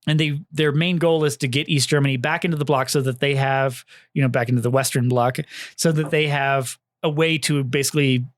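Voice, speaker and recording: A man's voice: medium pitch, level tone, a little fast, dry recording, clean studio sound. A man casually telling history on a podcast, rambling with fillers and swearing freely. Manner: loose and chatty, lots of fillers, swears freely. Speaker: podcast co-host presenting history.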